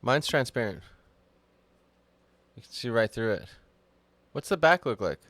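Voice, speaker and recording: A man's voice: mid-range voice, expressive, measured pace, fairly bright tone, no room sound. A man hosting a casual livestream podcast, laughing often and egging his guest on. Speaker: podcast host.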